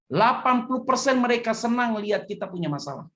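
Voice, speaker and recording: A woman pastor, preaching a sermon that swings from hushed to loud emphasis. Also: fairly high pitch, lively intonation, quick pace.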